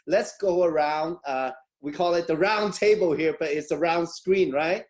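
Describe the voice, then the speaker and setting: Speaking at a moderate pace in a slightly high, darkish voice, a middle-aged Hong Kong man runs a webinar over video call. He's chatty, laughs often, and fills his talk with fillers and restarts.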